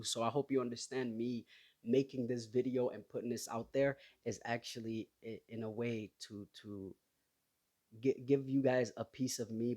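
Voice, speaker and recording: A man in his thirties from Somalia, hosting his own podcast and talking in a halting, personal way full of restarts. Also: mid-range voice, darkish tone. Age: 30s. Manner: hesitant, halting, with many restarts and fillers. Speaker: podcast host. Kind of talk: casual solo podcast talk.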